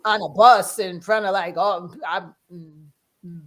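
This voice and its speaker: Woman on a panel tossing in wry little remarks, medium pitch. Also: fairly even intonation, unhurried. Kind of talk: casual panel discussion.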